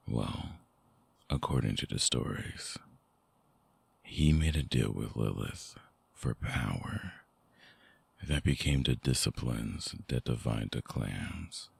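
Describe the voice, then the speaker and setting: In an intimate ASMR audio drama, a man voices a lovelorn, seductive vampire ex, speaking softly and haltingly in a very deep, gravelly, husky voice. His delivery is exaggerated, slow and gently explanatory, with no echo on the recording.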